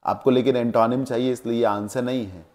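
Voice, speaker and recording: Brisk and steady, with a mid-range, slightly mellow voice, a male teacher works through English word meanings in class. He glosses the words in Hindi and checks in with the students through questions along the way.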